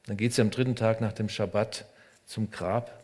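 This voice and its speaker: A man preaching a sermon in short phrases, speaking straight to the listener and swinging between loud emphasis and hushed, almost whispered lines. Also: on the low side, fairly even intonation, moderate pace. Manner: addresses the listener directly and personally. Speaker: pastor.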